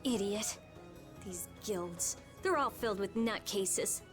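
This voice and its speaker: A woman playing a blunt, aloof, sharp-tongued adventurer in a video game. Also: medium pitch, takes it slowly, soft background music, natural voice. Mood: scornful.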